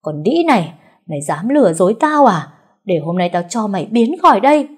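Woman playing an older mother-in-law, cruel, shrill, shouting, husky. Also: animated, fairly quick, lightly acted. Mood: furious.

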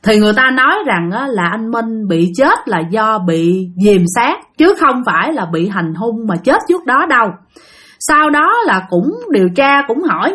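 A woman telling a spooky story in a chatty way, often speaking to her listeners directly. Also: a bit bright. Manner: chatty, addresses listeners often, drops low for suspense. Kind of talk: spoken ghost story narration.

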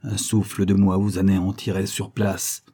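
A man voicing a menacing dark giant, an immortal demonic being who speaks with scorn and threats, in an audiobook. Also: deep voice, flat delivery, moderate pace, slightly rough. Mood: scornful.

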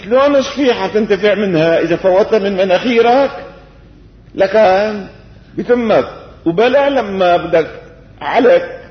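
An older man with a Damascene Syrian accent teaching a colloquial Quran lesson, folksy and lively, throwing out rhetorical questions with gentle humor. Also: sits high, moderate pace. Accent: Syrian Arabic, Damascene. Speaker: sheikh giving Quran commentary. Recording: echoey hall, dull lo-fi old tape.

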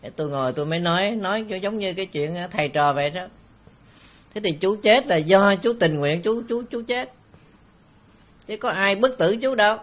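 A man's voice: high-pitched, animated, normal speed, fairly bright tone. A man, a Buddhist monk giving a rambling, conversational dharma talk full of anecdotes and fillers.

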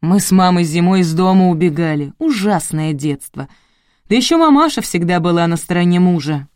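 A woman's voice: on the low side, lively intonation, moderate pace, a little mellow, no room sound, studio quality, lightly acted. A woman voicing a self-pitying middle-aged housekeeper who complains a lot, in an audiobook. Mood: complaining.

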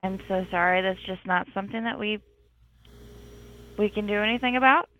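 A woman's voice: mid-range voice, brisk. A woman working as a receptionist who answers a business phone call, polite, patient and apologetic. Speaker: customer service receptionist. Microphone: phone line.

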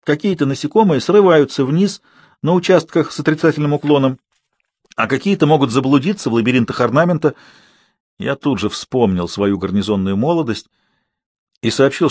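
A male audiobook narrator reads a novel in a calm, unhurried voice with a touch of irony. His pitch sits in the middle of the range. The recording is close and dry, with no room sound. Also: dry recording. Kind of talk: scripted narration.

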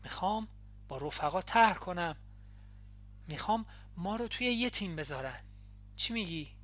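A woman reading an audiobook, voicing an earnest, playful young man in love with soft, intimate lines. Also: fairly low pitch, lively intonation, dry recording. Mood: tender.

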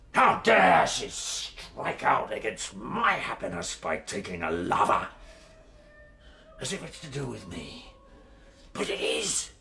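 An actor playing a brooding, jealous villainous baron who swings between imperious outbursts and hushed whispers. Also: male voice, lowish voice, creaky, exaggerated voice.

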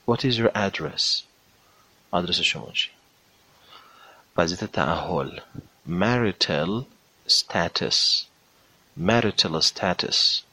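A man teaching a language lesson, drawing out English example phrases slowly between brisker explanations. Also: low-pitched, pushed and bright, dry recording. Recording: dull lo-fi recording.

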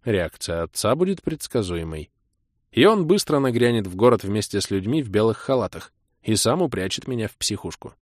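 A man's voice: lowish voice, very animated, fairly quick, no echo, studio quality. A young man narrating a first-person audiobook with a wry, self-ironic tone.

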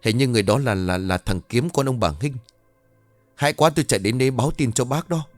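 A man's voice: medium pitch, fast, no echo, soft background music, lightly acted. Man doing a breathless, frightened young villager. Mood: panicked, breathless. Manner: panting, stammering report.

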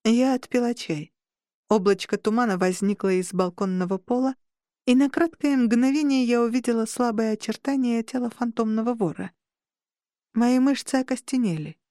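A woman narrating an audiobook in the first person, with measured, tense storytelling. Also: on the high side, dark tone, no room sound, clean studio sound.

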